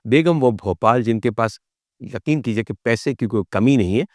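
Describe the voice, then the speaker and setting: A man with a Pakistani accent, mid-range in pitch with a darkish tone, speaks at normal speed in a dry, studio-quality recording. He is a vlog host recounting film history as a monologue. His style is theatrical and formal, leaning on rhetorical questions, formal addresses to viewers and English phrases mixed into his speech.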